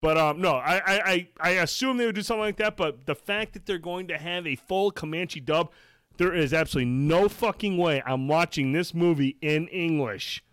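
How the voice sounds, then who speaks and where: A man hosting a casual livestream, excitable and quick to swear. His voice sits a little high. The sound is dry and close, with no room around it. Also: dry recording. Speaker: show host.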